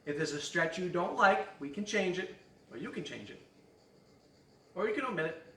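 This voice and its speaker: A man's voice: high-pitched, lively intonation, normal speed, a bit bright, roomy sound, far from the mic, a little hiss or hum. A man as fitness coach, leading a guided stretching class with jokes and countdowns. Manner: joking, upbeat instruction with counting. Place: fitness studio.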